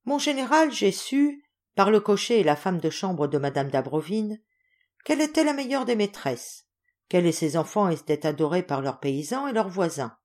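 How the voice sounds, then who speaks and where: A woman voicing a kind, thoughtful male officer who speaks in a measured and respectful way. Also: lowish voice, very animated, a little mellow. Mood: earnest.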